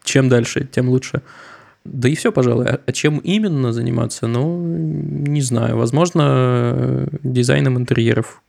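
A man's voice: mid-range voice, normal speed, creaky, a little mellow. A young man co-hosting a podcast, chatting loosely with a wry, slightly sarcastic humor. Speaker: podcast co-host. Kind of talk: casual discussion.

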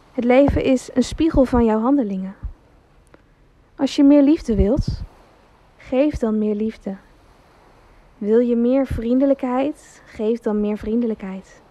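A woman reading a gentle story aloud as narrator, slowly and carefully. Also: fairly high pitch, dry recording, dull audio. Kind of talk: scripted storytelling.

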